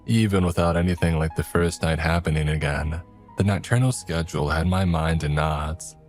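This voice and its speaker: A man with a very low voice tells a first-person horror story. His delivery is measured and steady, with faint music playing underneath. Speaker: narrator.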